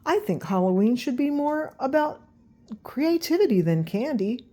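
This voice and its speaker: An eccentric mad-scientist inventor from a children's storybook, acted by a woman reader. He speaks in a raised pitch, gleeful and generous as he explains. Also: big pitch swings, normal speed, warm tone.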